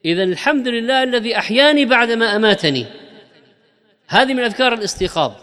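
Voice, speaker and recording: High-voiced man teaching in a hall. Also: lively intonation, pushed and bright. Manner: explanatory, drawn-out emphasis on key words. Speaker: religious teacher. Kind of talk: religious lesson.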